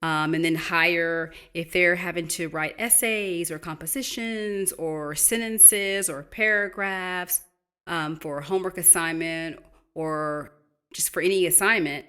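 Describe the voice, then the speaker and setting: A middle-aged teacher speaks to parents in a voice on the low side, a little slow, pushed and bright, with a clean tone. Patient and encouraging, she explains spelling tips and spells words out letter by letter in an instructional talk.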